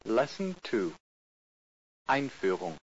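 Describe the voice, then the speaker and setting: A man narrates a language course and acts out polite interviews in scripted dialogue, full of hesitation fillers. His mid-range voice swings widely in pitch at a slow pace, captured on lo-fi tape with faint hiss.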